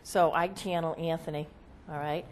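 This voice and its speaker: A woman speaking as a seance medium, casually explaining her trance channeling in an interview, halting and often checking with "okay?". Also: deep voice, steady tone, a crowd in the background.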